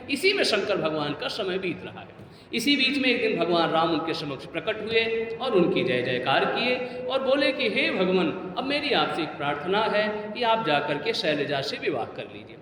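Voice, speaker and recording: A man's voice: sits high, a bit bright, a little hiss or hum. A man telling a devotional story as a sermon, voicing the characters' lines with rising emotion. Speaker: religious storyteller. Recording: echoey hall, faint ambience.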